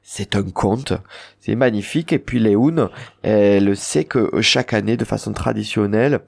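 A man's voice: on the low side, moderate pace, gravelly. A man with a southern French accent, teaching an Occitan lesson and explaining pronunciation rules with spoken examples. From southern France. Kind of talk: radio language lesson.

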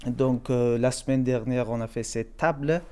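A young man from Afghanistan, a volunteer, answering interview questions in a slow, halting way with many fillers. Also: medium pitch, steady tone, warm tone, slight background noise.

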